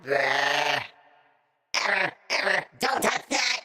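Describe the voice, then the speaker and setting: A woman's voice: mid-range voice, sing-song, extremely slow, bright, forceful tone, heavily acted. A woman voicing a nervous clown robot sidekick in a video game, glitching and blurting beeps and error calls between jittery, fearful words. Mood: glitchy panic.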